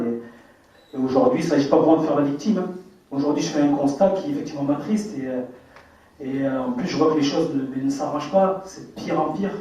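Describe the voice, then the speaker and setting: Recorded dully through a distant mic in an echoey hall, a French man in his twenties makes earnest, hesitant remarks at a public debate, packed with fillers and restarts. He has a warm, medium-pitched voice.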